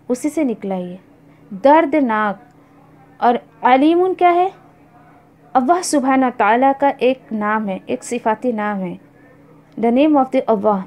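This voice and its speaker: Woman, recitation teacher, high voice, unhurried delivery, repeats words for practice, slips in English terms. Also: a little mellow. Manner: mixes English words into Urdu-Hindi speech. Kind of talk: slow explanatory lesson.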